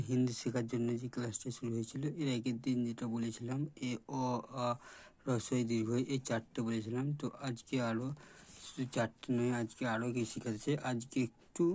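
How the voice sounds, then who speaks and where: A man's voice: mid-range voice, level tone, normal speed, mellow. A man with a Bengali accent teaching letters in a casual lesson, repeating sounds and pointing at each letter as he goes. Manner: plain, repetitive, stops to point at letters. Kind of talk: explaining letters at a board.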